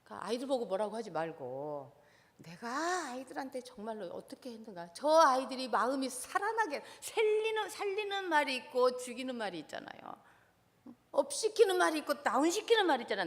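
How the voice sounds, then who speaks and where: A woman who is a seminar lecturer and professor lectures with passion in a church hall, her high voice very lively and rising and falling sharply. She keeps turning to her audience with questions, and a long reverb trails after each phrase.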